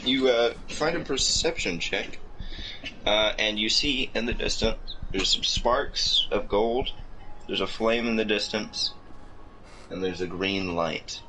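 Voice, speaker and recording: A man narrating as game master of a tabletop game, halting often with uhs. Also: fairly low pitch, pushed and bright, a little hiss or hum, poor audio.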